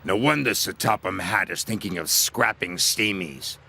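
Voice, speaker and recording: A man's voice: sits low, moderate pace, creaky, bright, forceful tone, slight background noise, voice pushed down, exaggerated voice. A man voicing a sly, boastful male diesel engine with a rude, mocking drawl. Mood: sneering. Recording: music playing behind.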